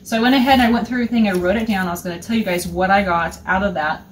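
Woman, 30s, homestead vlogger, casual step-by-step explainer, mid pitch, faint room hum. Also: rapid-fire. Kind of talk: casual show-and-tell. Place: small indoor utility room.

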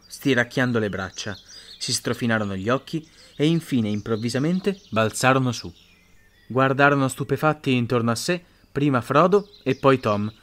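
Measured male audiobook narrator. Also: mid-range voice, a little hiss or hum. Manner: measured, expressive storytelling.

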